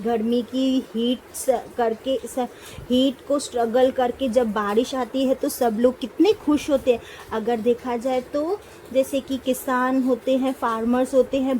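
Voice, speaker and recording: A woman's voice: high voice, darkish tone, a little hiss or hum, low-quality recording. A woman, teaching children an English poem and spelling each word out letter by letter. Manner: spells letter by letter, slow and clear. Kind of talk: explaining a poem and spelling words aloud.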